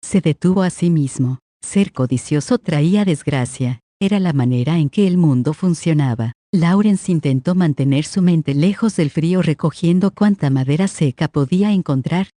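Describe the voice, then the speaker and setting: An audiobook reader giving a steady, even scripted narration of a novel. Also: mid-range voice, no room sound, studio quality.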